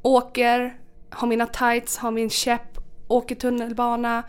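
A woman with a somewhat high voice co-hosts a chatty podcast. She jumps in with short remarks and tells her side of events with drama. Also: completely flat delivery, clean tone. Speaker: podcast co-host. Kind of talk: casual storytelling chat.

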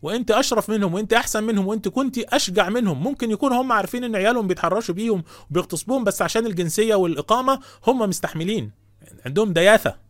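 Fast, high-pitched indignant Egyptian man. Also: expressive, dry recording, studio quality. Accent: Egyptian Arabic. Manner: indignant, rhetorical, scolding. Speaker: host taking calls. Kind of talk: impassioned religious commentary.

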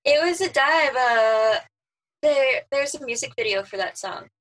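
A female pop singer with a high soprano voice chats casually as a guest, laughing often and trailing off mid-sentence. Her delivery is lively and measured, a bit bright, captured on a low-quality recording.

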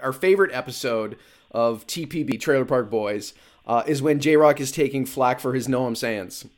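Podcast host, casual chat, mid-pitched, upbeat, laughs easily. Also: male voice, normal speed.

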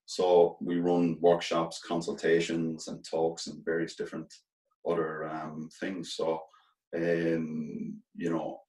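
A middle-aged man with a west of Ireland, Galway accent gives reflective interview answers. His voice is very low and fairly flat, and he is earnest, often repeating a phrase as he works out the thought. He sounds a little away from the mic in an echoey room. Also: recorded from a distance. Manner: earnest, halting, repeats phrases as they think aloud. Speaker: interview guest, former professional footballer turned coach.

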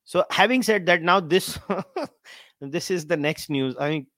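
A North Indian man hosts a podcast with emphatic political commentary. His voice sits high for a man, and the sound is dry and close. He repeats key phrases to drive them home. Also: measured pace, a bit bright, no echo. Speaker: podcast host.

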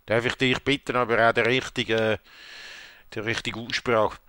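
A man with a Swiss German accent in casual podcast chat, joking and rambling, laughing loudly at his own stories. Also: mid-range voice, little pitch movement, moderate pace, clean tone.

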